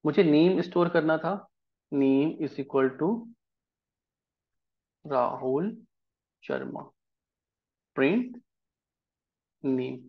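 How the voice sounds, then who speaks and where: A man's voice: mid-range voice, lo-fi sound. A man teaching a programming lesson in Hindi, explaining step by step and often checking whether the class follows. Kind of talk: live coding lesson.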